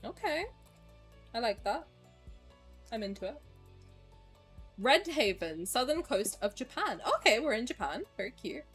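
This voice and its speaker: A woman in her twenties streams a game, chatting casually and animatedly with viewers, swearing now and then and reading game text aloud. Her voice is a little high and fairly bright, very animated yet a little slow, with frequent pauses. Soft music plays in the background.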